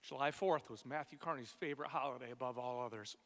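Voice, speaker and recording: A man delivering a prepared funeral eulogy for a friend, tender and measured, in short phrases with weighted pauses. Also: medium pitch, a bit bright. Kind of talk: prepared memorial speech. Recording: long echoing reverb of a hall.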